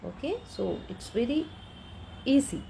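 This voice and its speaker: Woman slowly spelling out phonics words. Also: fairly high pitch, lively intonation, creaky, mellow, a little hiss or hum, rough recording. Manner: slow, spells letters one by one and repeats each word. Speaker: teacher.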